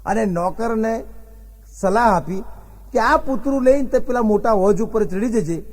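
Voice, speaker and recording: Man, high voice, stand-up comedian, folksy joke-telling, acts out dialogue. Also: a little mellow. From Gujarat, India. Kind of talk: comic storytelling on stage.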